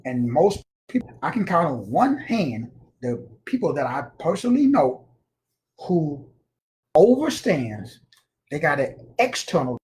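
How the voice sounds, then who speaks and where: A man's voice: on the high side, a little mellow. A man giving an informal spiritual lecture, slangy and emphatic, repeating words for stress. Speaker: spiritual teacher.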